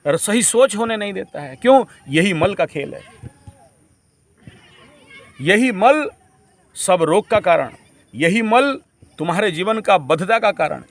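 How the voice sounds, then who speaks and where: A man's voice: high voice, a bit bright. A man teaching a camp group in a preachy, repetitive way, slipping English phrases into his lecture.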